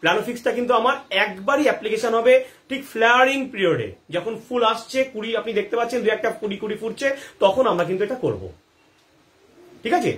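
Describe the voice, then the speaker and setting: Hosting a live gardening Q&A, this man speaks in a high, fairly bright voice at a quick pace. He fields viewers' questions, poses rhetorical questions to himself, and checks in with his audience frequently.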